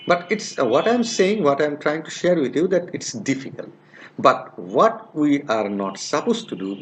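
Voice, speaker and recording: A man teaching a phonetics lesson, repeating example sounds over and over and pausing often with fillers. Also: mid-range voice. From Bangladesh. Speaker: English teacher. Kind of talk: classroom lecture on phonetics.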